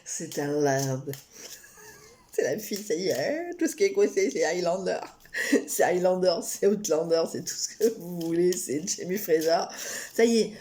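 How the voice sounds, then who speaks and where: A woman's voice: fairly low pitch, moderate pace. Rambling, giggly French-speaking woman vlogger. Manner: rambling with frequent hesitations and restarts; giggly and animated when joking. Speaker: tarot card reader. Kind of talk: casual chatty tarot vlog.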